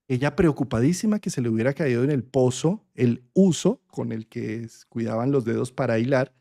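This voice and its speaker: A middle-aged man teaching a master class, telling a fairy tale in an animated way and checking in with listeners. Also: mid-range voice. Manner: animated storyteller with tag questions. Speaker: astrology and psychology teacher. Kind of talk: master class storytelling lecture.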